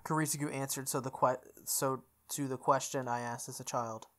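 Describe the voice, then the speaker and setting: Over background music, a speaker reads visual novel text for a playthrough in a medium-pitched, steady, slightly bright voice at normal speed. The reading stumbles and repeats phrases, broken up by offhand asides.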